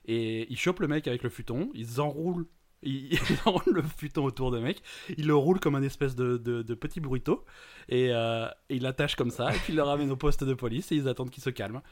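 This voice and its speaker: A man's voice: medium pitch, fairly quick, a little mellow. A man co-hosting a casual news chat, telling stories with hesitations. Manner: hesitant, storytelling with fillers. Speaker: podcast co-host.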